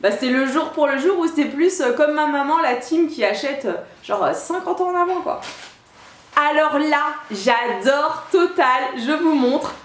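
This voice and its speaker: A woman's voice: high voice, expressive, unhurried. A young woman from France chatting casually in a home vlog, bubbly and chatty with lots of fillers and restarts. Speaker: YouTuber. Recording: echoey room with light music.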